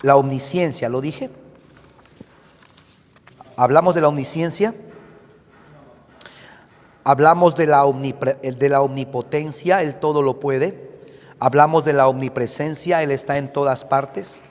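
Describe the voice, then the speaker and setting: A man's voice: medium pitch, steady tone, measured pace, long pauses, darkish tone. A man preaching a sermon as pastor, speaking emphatically and checking in with his congregation through questions. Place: church. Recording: long reverb of a church hall.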